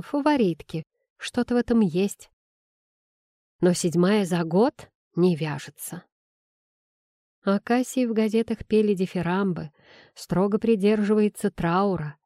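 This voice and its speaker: A woman narrating a first-person audiobook in an even, wry storytelling manner. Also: on the low side, dry recording, studio quality.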